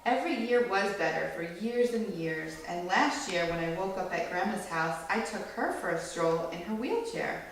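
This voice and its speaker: Reading a children's story with lively expression, a woman speaks at normal speed with hardly any pauses, her voice slightly creaky; she doesn't need a low-to-average pitch. She's captured from far away in a highly reverberant room with faint noise in the background.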